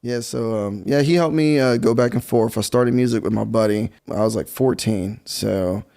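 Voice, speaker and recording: A man's voice: medium pitch, moderate pace, vocal fry, mellow. A young man, a guest musician, chatting in an easygoing, rambling way with many fillers. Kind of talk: casual interview chat.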